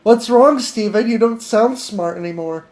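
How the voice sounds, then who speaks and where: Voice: mid-range voice, normal speed, darkish tone. A podcast host chatting casually with an AI, giggling and stammering through restarts. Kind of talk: casual improvised chat with an AI.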